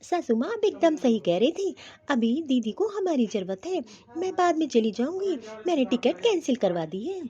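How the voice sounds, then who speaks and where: A woman's voice: high voice, big pitch swings, normal speed, few pauses, dark tone, highs cut off. Woman voicing a headstrong young daughter-in-law. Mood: contrite. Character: young married woman, headstrong, quick to complain. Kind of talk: cartoon voice acting.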